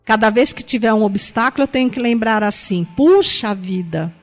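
A woman's voice: on the high side, fairly even intonation, a little fast, lo-fi sound, faint music behind. A woman with a Brazilian accent giving a spiritist sermon to an audience, emphatic and full of rhetorical questions. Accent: Brazilian Portuguese. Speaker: spiritist lecturer.

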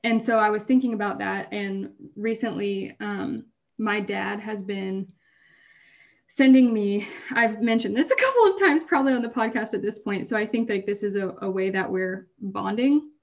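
Speaking at a moderate pace in a mid-range voice, this podcast co-host chats in a loose, rambling way. She keeps interrupting herself and laughs her way through difficult stories.

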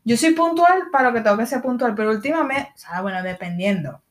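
A woman's voice: a little high, fast. Chatty Venezuelan woman podcaster. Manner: expressive, chatty, acts out quoted lines. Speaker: podcast co-host. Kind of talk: casual chat.

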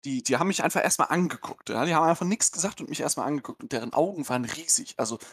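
A man's voice: a little high, animated, rapid-fire, slightly rough. A man hosting a podcast, telling a story in casual chat with many hesitations and dry humor. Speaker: podcast host.

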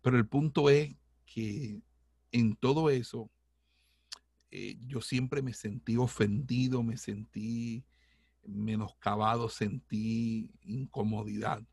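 A middle-aged man, a pastor, giving a heartfelt personal testimony in a halting way, with many restarts. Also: medium pitch, fairly even intonation, vocal fry, a little mellow, breathy edge, no echo, clean studio sound.

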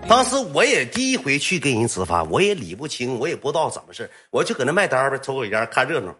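A man with a Northeastern Chinese accent telling a comic anecdote in a rambling, profane, animated way. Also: mid-range voice, fast, breathy edge, soft background music. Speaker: storyteller.

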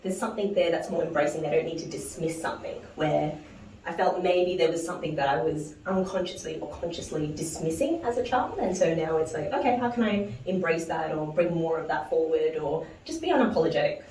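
A guest investor from New Zealand, a woman, speaks a little fast on an interview show in a low, slightly mellow voice. She's reflective, laughs often and restarts what she's saying. Expect a distant mic, echoey room and a little hiss or hum.

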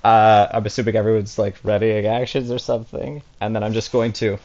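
A woman's voice: rumbling low, level tone, fairly quick, a little mellow. A woman playing a tabletop game, casual and hesitant, thinking aloud as she plans. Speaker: player. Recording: dull lo-fi audio.

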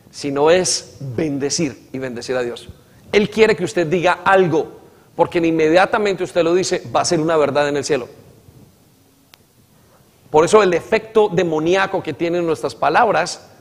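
A pastor with a fairly high, creaky voice preaches a sermon in a reverberant hall. He asks the congregation to repeat after him and acts out quoted dialogue with emphasis.

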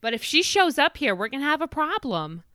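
Woman as blunt, bright-voiced spirit medium. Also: high-pitched, sing-song, a little fast, dry recording, studio quality, full character voice. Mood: indignant. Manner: blunt, sweary, exasperated. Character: crude, hot-tempered female spirit medium and roommate.

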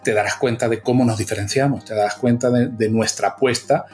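Guest, male, middle-aged, Venezuelan-Canarian accent, eager talker, mid-pitched, faint music bed. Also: steady tone, a little fast. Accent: mixed Venezuelan and Canarian Spanish. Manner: enthusiastic, frequent tag questions. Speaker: guest, agency founder. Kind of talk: casual interview.

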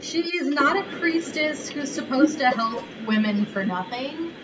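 A woman's voice: high-pitched, expressive, a little slow, fairly bright tone, rough recording. A woman acting as game master, narrating the scene and voicing sound effects.

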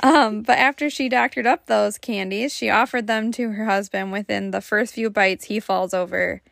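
A young woman with a Michigan accent tells a story in a relaxed, chatty way, full of fillers and little laughs. Her voice has a gravelly fry. The recording sounds dry and close. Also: mid-range voice, moderate pace, no echo. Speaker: podcast co-host. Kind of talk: casual storytelling chat.

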